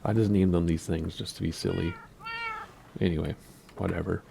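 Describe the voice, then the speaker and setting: A deep-voiced man with a Minnesota accent chats through casual gameplay commentary, wandering from thought to thought and asking himself questions out loud. His tone is gravelly and mellow. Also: fairly even intonation, normal speed, a little hiss or hum. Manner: rambling, asks himself questions aloud. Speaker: Minecraft YouTuber giving a base tour.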